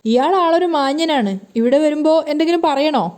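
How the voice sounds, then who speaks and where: Woman reading a chatty male restaurant manager in a story, teasing, quick and a bit high. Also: darkish tone, natural voice.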